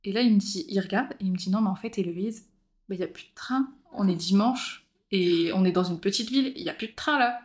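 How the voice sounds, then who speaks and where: With a brisk, mid-range voice, a young woman co-hosts a podcast and tells a story casually. Animated throughout, she imitates the people she's quoting.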